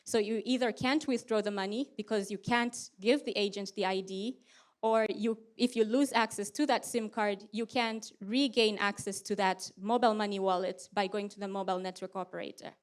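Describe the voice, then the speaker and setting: A woman giving a prepared conference lightning talk as a research presenter, explaining in a clear, structured way with rhetorical questions. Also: medium pitch, fairly even intonation, moderate pace.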